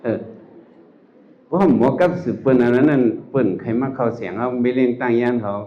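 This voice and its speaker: A man's voice: medium pitch, fast, slight background noise. A man giving an informal Dhamma talk as a Buddhist monk, chatty and full of rhetorical questions. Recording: dull lo-fi recording.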